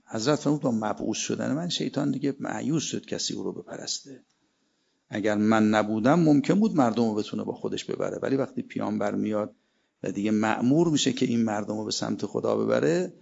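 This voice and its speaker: A man's voice: medium pitch, gravelly, darkish tone, slightly rough. A man giving a religious sermon, reciting Arabic verses between emphatic stretches of preaching. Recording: dull lo-fi sermon recording.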